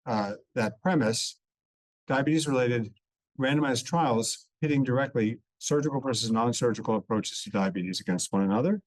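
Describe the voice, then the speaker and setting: A man giving a dense, technical medical lecture at a conference, explaining step by step with relaxed asides. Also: medium pitch, dry recording, rough recording. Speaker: conference speaker. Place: conference hall.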